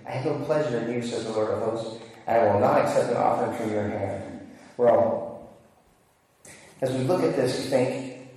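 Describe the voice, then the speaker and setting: A man's voice: medium pitch, normal speed, pauses often, dark tone. Preaching man in an echoey hall. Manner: earnest, emphatic preaching with rhetorical questions. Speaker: pastor. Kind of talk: sermon. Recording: echoey hall, mic at a distance.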